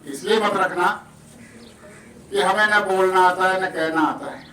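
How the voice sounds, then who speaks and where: A man's voice: sits high, unhurried, sharp tone. A man preaching at a village satsang gathering from Rajasthan, folksy and humble, acting out villagers' voices as he makes announcements. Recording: echoey, distant, outdoor noise.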